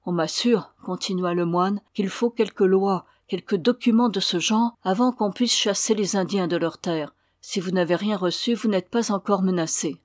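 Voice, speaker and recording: A woman reading a classic novel aloud, gently acting out the dialogue in an even storytelling voice. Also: medium pitch, normal speed, few pauses, no room sound, studio quality. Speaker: audiobook reader.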